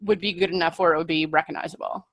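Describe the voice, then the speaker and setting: A woman co-hosting a podcast, trading quick, teasing banter in casual chat. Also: lowish voice, fairly even intonation, fairly bright tone. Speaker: podcast co-host.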